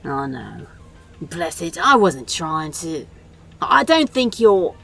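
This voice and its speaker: A woman's voice: lowish voice, big pitch swings, slow, creaky, fairly bright tone, faint music behind, full character voice. A woman voicing a sardonic, bossy male demon in a fan audio drama, talking in a dry, exasperated, scolding way.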